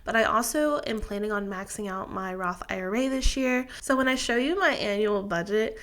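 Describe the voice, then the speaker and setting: A woman in her 20s, a personal finance vlogger, explains her finances to camera in a relaxed, methodical way, sounding congested from a sinus infection. Her mid-range voice is fairly bright and moves at a moderate pace, with chatty fillers and restarts throughout.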